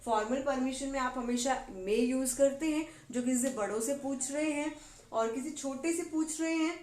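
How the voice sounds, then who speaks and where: A woman English teacher giving a classroom grammar lesson, explaining in Hindi and reading English example sentences slowly, often checking with "ठीक है". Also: sits high, darkish tone. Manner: keeps asking questions and says "ठीक है" often. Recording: roomy with faint background noise.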